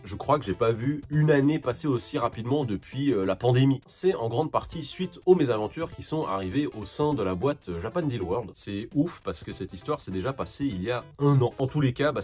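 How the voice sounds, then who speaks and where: A man's voice: medium pitch, darkish tone. A man in his thirties talking to camera in a casual year-review vlog, joking and self-mocking as he reviews his year. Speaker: YouTuber living in Japan.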